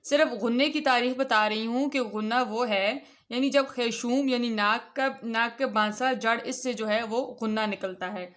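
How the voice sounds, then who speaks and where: A woman with a fairly high voice leads a children's Quran reading lesson. She explains each point patiently and draws out the letter names when she recites them. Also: few pauses, fairly bright tone. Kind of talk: instructional lesson.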